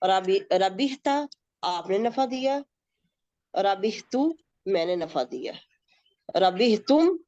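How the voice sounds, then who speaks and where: A woman's voice: mid-range voice, darkish tone, no echo, highs cut off. A woman, a student reciting Arabic verb forms with meanings in class. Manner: reads Arabic forms, each with its Urdu meaning.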